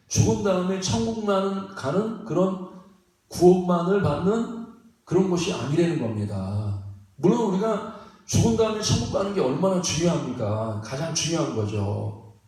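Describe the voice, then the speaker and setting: A man's voice: sits high, dark tone. A man preaching a sermon as pastor in a folksy, repetitive way, chuckling between phrases and often prodding the congregation for a reply. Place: church sanctuary. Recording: very echoey hall, mic at a distance.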